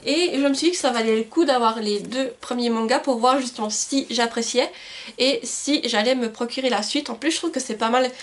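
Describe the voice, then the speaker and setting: Book vlogger, female, slightly high voice, casual and chatty, reads summaries aloud and stumbles now and then. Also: brisk. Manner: chatty, trips over words and restarts. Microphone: camcorder.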